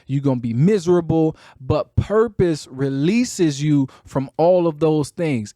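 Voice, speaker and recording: Here the same kind of speaker, a motivational podcast host from Chicago with a Chicago accent, preaches his message emphatically and colloquially, driving home key phrases through repetition. His pitch is on the high side with a darkish tone, and the recording is dry and studio-clean.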